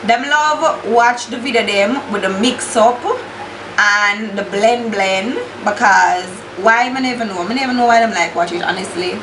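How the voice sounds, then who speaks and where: In an echoey room with constant background hiss, a young Jamaican beauty YouTuber applies her makeup and talks bluntly in her Jamaican accent, cursing freely and drifting into patois. Her mid-range voice stays unhurried.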